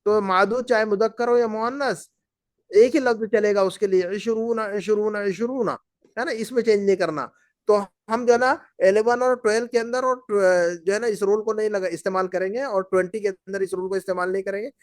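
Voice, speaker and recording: High-voiced man drilling a class. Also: dry recording, studio quality. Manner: patient, repeats words and quizzes the class. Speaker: Arabic teacher. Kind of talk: language class, drilling students. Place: class run from Bahrain.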